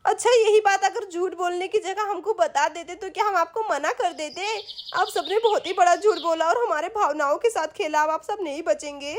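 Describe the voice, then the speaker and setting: A woman's voice: very high voice, normal speed, hardly any pauses. A woman voicing a young wife in a doll story, scolding and teasing her lying husband. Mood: stern. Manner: scolding, sarcastic. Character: sharp-tongued young wife, teasing and stern. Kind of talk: Hindi doll-story role-play.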